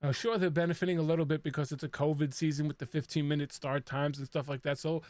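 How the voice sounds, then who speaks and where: A man's voice: a little high, steady tone, fast, darkish tone, no echo. A man co-hosting a casual recap show, talking in a chatty way and laughing often mid-sentence. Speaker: podcast co-host.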